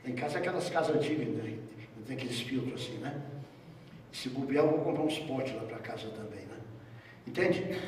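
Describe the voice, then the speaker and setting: A high-voiced Brazilian man preaches in a relaxed, joking way. His voice carries through a big, echoing church hall, picked up from a distance by a mic far from him. The reverb rings long after each phrase. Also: slight background noise. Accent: Brazilian Portuguese. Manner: conversational, jokes with the congregation. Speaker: pastor. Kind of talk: sermon.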